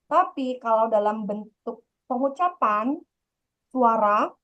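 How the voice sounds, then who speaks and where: A woman's voice: fairly high pitch, expressive, slow, a bit bright. Patient woman teaching grammar, lo-fi sound. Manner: patient, explanatory, repeats points. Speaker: Korean language teacher. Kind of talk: explaining grammar lesson. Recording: dull lo-fi sound.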